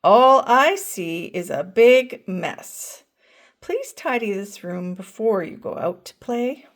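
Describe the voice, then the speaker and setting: A woman's voice: mid-range voice, animated, takes it slowly. A woman voicing a firm but caring mother turtle in a read-aloud storybook.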